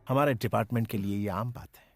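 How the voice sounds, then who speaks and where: An actor dubbing a smug, menacing male police officer who brags about killings, speaking with slow, teasing menace in a Hindi film dub. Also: lowish voice, a little mellow, faint music behind. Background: film score.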